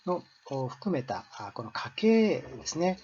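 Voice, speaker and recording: A man hosting a history channel, explaining in a halting lecture style full of drawn-out fillers. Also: mid-range voice, very animated, dark tone, husky. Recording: dull lo-fi sound.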